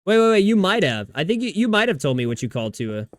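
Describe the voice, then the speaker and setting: A man's voice: high-pitched, sing-song, fast. A man streaming a video game, chatting casually with viewers in a rambling way, swearing often and restarting his sentences. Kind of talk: casual livestream chat while gaming.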